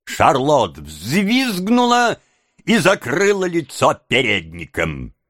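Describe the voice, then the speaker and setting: Slow, expressive male audiobook narrator. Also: on the high side, no room sound, studio quality. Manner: measured, expressive storytelling. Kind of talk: scripted literary narration.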